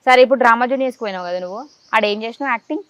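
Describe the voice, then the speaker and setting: Fast-talking woman interviewer. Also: a little high, smooth. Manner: coaxing, rapid-fire questions. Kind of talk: casual interview with a child. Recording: dull lo-fi dry sound.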